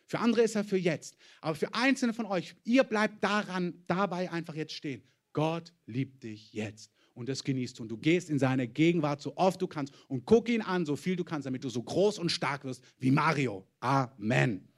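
Male pastor, sermon, slightly high voice, emphatic then hushed. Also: animated, moderate pace, hardly any pauses. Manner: emphatic preaching, swinging between loud declarations and hushed intimate asides.

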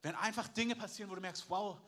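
Bright, high-voiced man preaching a sermon. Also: quick pace. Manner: emphatic, repeating phrases and calling for amen. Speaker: pastor.

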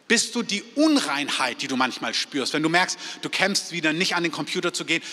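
A man delivers a sermon to his congregation, his bright, slightly high voice carrying with a long reverb through the hall. He presses the listeners with question after question and slips into their inner voices to make each point. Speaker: preacher.

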